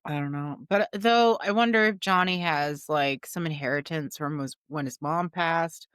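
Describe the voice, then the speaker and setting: A woman's voice: sits low, normal speed, a bit bright, clear, resonant tone, no echo, clean studio sound. A woman co-hosting a podcast with short wry comments, while she has the hiccups. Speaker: podcast co-host. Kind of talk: casual recap chat.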